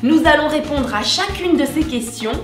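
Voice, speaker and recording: A woman's voice: sits high, animated, moderate pace. A woman host giving a playful scripted introduction to her show. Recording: roomy echo, music behind.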